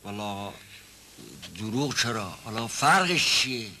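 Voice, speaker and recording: In a 1970s TV drama, an actor plays a timid old male servant who rambles, stammers, and dodges questions. His voice is fairly low, animated, and sharp-toned, with slight background noise; he sounds nervous, evasive, and keeps repeating himself.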